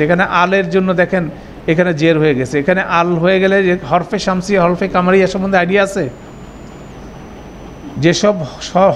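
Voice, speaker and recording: A man's voice: sits high, slight background noise. A man teaching Arabic grammar in a classroom lecture, explaining step by step and checking that students follow.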